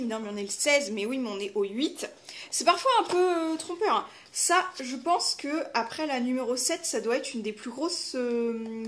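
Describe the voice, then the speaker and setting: A woman with a high voice chats casually while opening advent calendar boxes for her vlog. She fills her talk with little hesitations and corrects herself as she goes. Her tone stays relaxed and friendly throughout. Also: slight background noise. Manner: chatty, lots of fillers, self-correcting. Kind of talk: casual unboxing chat.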